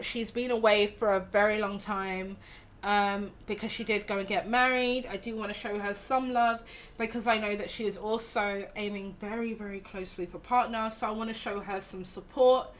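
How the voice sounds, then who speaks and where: A woman hosting a livestream chats in a teasing, affectionate way and laughs often. Her pitch sits in a middling range. A faint hiss runs under her voice. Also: fairly even intonation, moderate pace. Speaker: streamer host. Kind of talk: casual stream chat.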